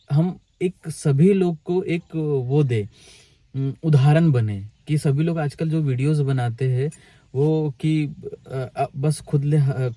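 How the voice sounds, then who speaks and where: Man with a very dark, mellow voice. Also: medium pitch, no echo. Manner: halting, rambling, many restarts. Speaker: vlogger, husband. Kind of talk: casual family vlog.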